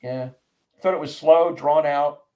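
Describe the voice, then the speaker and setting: A man's voice: fairly high pitch, fairly even intonation, unhurried, mellow, rough recording. An older man hosting a casual chat about films, enthusiastic and opinionated. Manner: enthusiastic, opinionated movie talk.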